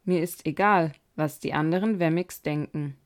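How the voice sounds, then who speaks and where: A woman's voice: low voice, moderate pace, close to an everyday voice. Woman reading as a kind bearded woodcarver. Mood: reassuring.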